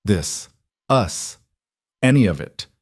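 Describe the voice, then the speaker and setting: A man's voice: on the low side, animated, slow pace, no echo, clean studio sound. A man voicing a frightened young woman caught in mob danger, pleading and tearful, in an audiobook character reading.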